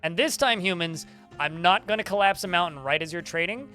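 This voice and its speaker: A man talks his way through a game on a live stream, rambling to his chat in an even tone that some listeners take for irritation. His voice is bright and forceful and sits a little high, and faint game music plays underneath. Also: fairly quick. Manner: talks in a flat tone that some hear as annoyed; chatty, rambling asides to chat. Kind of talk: live-stream gameplay commentary.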